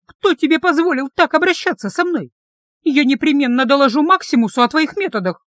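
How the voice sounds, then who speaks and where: A fiery, defiant young woman yells at her captor in a high, strained voice, as a woman reading the story puts her on. Her pitch leaps about with indignation. The sound is close and dry. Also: expressive, fairly quick, no echo, lightly acted. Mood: furious. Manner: shrill and indignant, shouting threats. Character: hot-tempered young woman, defiant captive.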